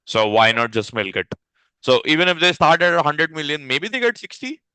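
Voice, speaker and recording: A man's voice: a little high, brisk, clear, resonant tone, no room sound, low-quality recording. A man co-hosting a casual football chat, often agreeing with short replies. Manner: brief agreeing replies, relaxed. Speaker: podcast co-host.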